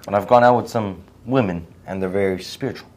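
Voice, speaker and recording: A man giving live English interpretation of a sermon, quick and plain, echoing the preacher's quotes. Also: on the low side, darkish tone.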